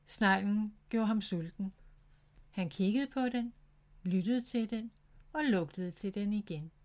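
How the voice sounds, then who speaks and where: A woman narrating a children's story in a gentle, clear reading voice. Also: mid-range voice.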